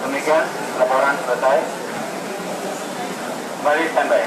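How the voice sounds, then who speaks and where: A man's voice: medium pitch, steady tone, normal speed. A man over a two-way radio, giving a formal report and asking permission before he speaks. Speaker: scout volunteer reporting by radio. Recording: distant, echoey and very noisy.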